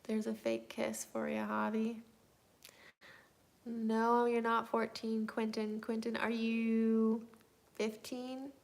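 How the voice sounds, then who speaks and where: A livestream host in her thirties casually reads and replies to viewer comments in a slightly high, creaky voice. Her delivery is completely flat, and she takes her time.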